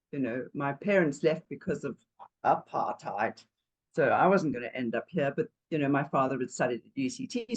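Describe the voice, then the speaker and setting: A woman's voice: deep voice, dull audio. Chatty older woman telling her story. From Zambia. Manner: chatty and digressive, warm laughs, searches for words. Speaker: yoga teacher, interview guest. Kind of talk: casual interview storytelling.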